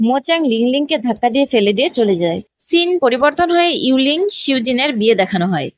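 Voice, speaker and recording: Female recap narrator, high voice, brisk delivery, dry close recording. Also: expressive, no echo. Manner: brisk storytelling, voicing quotes plainly. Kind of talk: scripted drama recap narration.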